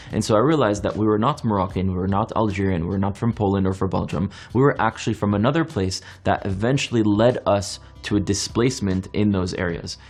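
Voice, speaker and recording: A young man born in France speaks in an earnest, reflective monologue. His deep, low voice moves through rhetorical questions and long, evenly paced lists. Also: darkish tone.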